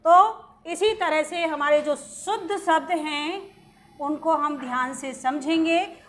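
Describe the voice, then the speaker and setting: A woman's voice: high-pitched, slow pace, fairly bright tone. A woman teaching Hindi spelling in an online lesson to children, patiently repeating words and quizzing the class.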